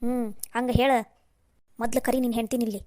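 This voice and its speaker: A woman voicing a bossy, fast-talking village mother-in-law. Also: on the high side, little pitch movement, dry recording, clean studio sound, natural voice. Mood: domineering. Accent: North Karnataka Kannada. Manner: scolding, sharp-tongued. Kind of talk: cartoon voice acting.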